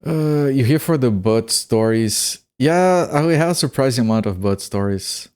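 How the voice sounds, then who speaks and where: An animated man with a darkish, mid-range voice chats a little slowly during a live game stream. Profanity comes easily to him, and his sentences begin with stammered, repeated words.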